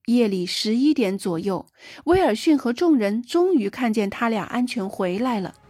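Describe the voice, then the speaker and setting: Female audiobook narrator, fairly high voice, dry close recording, livens up for dialogue. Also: expressive, moderate pace, warm tone, no echo. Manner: raises pitch and volume for quoted dialogue. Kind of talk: scripted narration.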